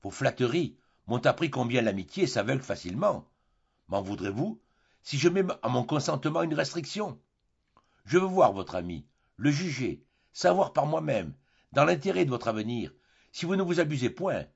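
A proud noblewoman weighing her words with formal, guarded courtesy, as a man reads her letter aloud in a storybook. His voice is gravelly and husky, on a muffled lo-fi recording. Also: medium pitch, big pitch swings, normal speed, full character voice. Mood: haughty.

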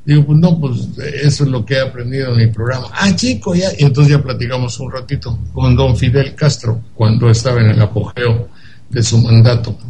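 A man's voice: mid-range voice, fairly even intonation, a little fast, background noise. An older man, a radio commentator telling a digressive story and acting out the dialogue.

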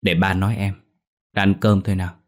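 A man voicing a caring middle-aged father who speaks softly and reassuringly. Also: sits low, flat delivery, brisk, close to an everyday voice. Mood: soothing. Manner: soft, reassuring.

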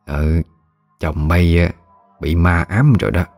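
A man's voice: sits low, measured pace, creaky, darkish tone, soft background music, full character voice. A man voicing a chatty, bossy village woman in her sixties with a Mekong Delta Vietnamese accent, blunt and familiar. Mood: knowing. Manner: blunt, familiar, talks down fondly.

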